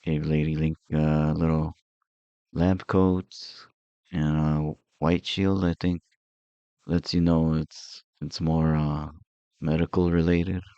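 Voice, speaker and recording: A man's voice: extremely low pitch, flat delivery, slow pace, dark tone, smooth, no room sound, muffled recording. A man streamer chatting casually and rambling while he draws and plays games, chuckling often. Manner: rambling and easygoing, with frequent chuckles.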